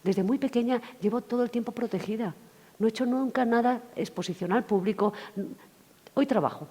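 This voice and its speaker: A woman's voice: fairly high pitch, a little fast, dark tone, slightly rough. A woman giving a talk, telling stories and acting out the conversations in them. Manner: storytelling, acting out dialogue. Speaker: communication trainer. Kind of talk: lively talk to an audience. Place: conference hall. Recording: reverberant hall.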